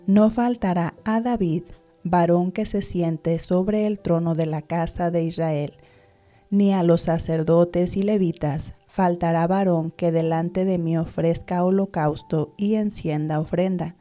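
A woman giving a measured, steady reading of scripture aloud. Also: lowish voice. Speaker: Bible reader. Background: soft background music.

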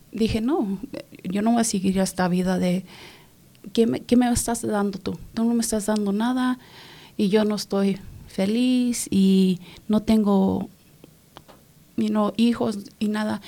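A woman from Los Angeles giving her personal testimony in an interview, speaking haltingly, repeating words and slipping in English phrases. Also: mid-range voice, creaky, mellow. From Los Angeles, California.

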